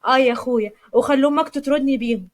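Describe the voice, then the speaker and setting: Brief: woman voicing a proud young Egyptian wife, storybook read, fast and light. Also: sits high, natural voice. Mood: teasing. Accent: Egyptian Arabic.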